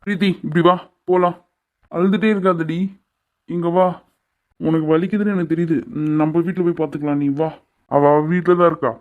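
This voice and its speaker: A man's voice: a little high, fairly even intonation, fairly quick, long pauses, natural voice. A man voicing an angry protective father. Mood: stern. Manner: angry scolding, shouting orders. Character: furious protective middle-aged father. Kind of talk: cartoon voice acting. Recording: tinny phone-like lo-fi audio.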